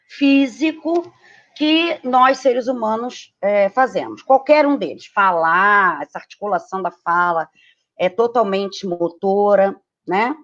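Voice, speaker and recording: A woman with a Brazilian Portuguese accent giving a live-stream lecture, lively and explanatory, often checking in with tag questions. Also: fairly high pitch. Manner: animated, frequent tag questions, acts out quoted voices. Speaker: host giving a lecture on learning. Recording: dull lo-fi live-stream audio.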